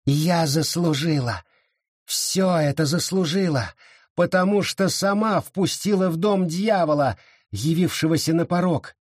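A man's voice: no room sound, studio quality. A man voicing a raving, cursing madwoman. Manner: shrill, slow, raving curses. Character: deranged bitter woman, shrieking curses.

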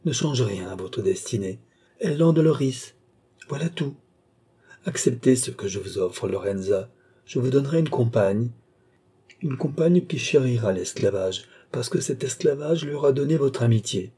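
A mysterious man keeps his captive in line with calm, sorrowful persuasion, played by the reader himself. His tone is very dark and mellow, roughened by a husky edge. The storybook delivery stays gentle but never yields. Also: mid-range voice, normal speed. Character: man, a mysterious captor, sad and insistent.

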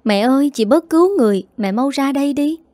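A woman's voice: sits high, animated, fairly quick, dark tone, no echo, clean studio sound, pitched above the performer's own voice. A woman voicing a loyal little girl who pleads earnestly for her older sister, in a storybook reading. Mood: pleading.

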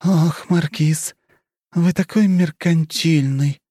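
A man's voice: a little high, steady tone, moderate pace, warm tone, dry recording, pitched above the performer's own voice, lightly acted. Brief: scheming noblewoman, teasing and coy, mock sighs; male reader puts on a raised voice, dry studio. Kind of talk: audiobook character reading.

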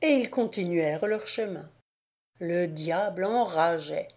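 A woman narrating a classic book in a measured storytelling manner. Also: fairly low pitch, darkish tone. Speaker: audiobook narrator.

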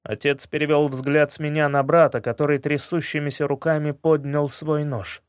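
A man reading a first-person story aloud in a measured way, dropping low and quiet on grim moments. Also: little pitch movement, smooth, dry recording, studio quality. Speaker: audiobook narrator.

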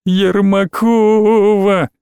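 A man's voice: fairly high pitch, moderate pace, a little mellow, dry recording, clean studio sound, natural voice. A man reading an audiobook, voicing a distraught teenage girl who wails and pleads. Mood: wailing. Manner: wailing, pleading.

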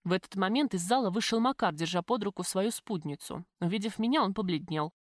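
Woman narrator for a first-person audiobook, expressive, mid pitch, dry close sound. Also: a little fast, no room sound. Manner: lively, expressive reading.

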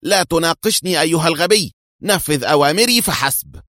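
A man's voice: mid-range voice, fairly quick, fairly bright tone, no room sound, clean studio sound, voice pushed up, close to an everyday voice. A man voicing a ruthless, scheming female crime boss who barks orders in anger. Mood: commanding. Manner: commanding, furious.

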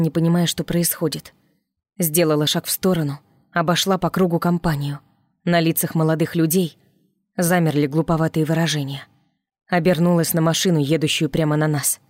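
A woman reading a first-person story aloud in an even, measured way. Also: deep voice, dry recording, studio quality. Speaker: narrator. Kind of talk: scripted first-person narration.

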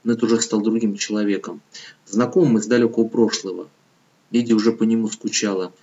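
A man reading an audiobook novel in calm, measured scripted narration, on a dull lo-fi recording. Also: fairly low pitch.

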